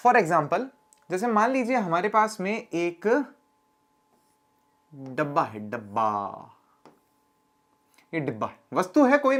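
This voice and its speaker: A man teaching a science lesson on video in a chatty way, often putting questions to his students. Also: high-pitched. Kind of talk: classroom lecture video.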